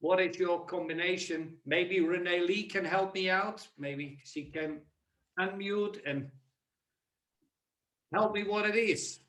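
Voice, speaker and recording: A Dutch-accented man speaks slowly and earnestly over a video call, his voice set a little high. He sits away from the mic, and the room gives the sound a hollow echo. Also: steady tone, a bit bright. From Netherlands. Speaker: webinar presenter. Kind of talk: casual webinar talk. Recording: echoey, distant from the mic.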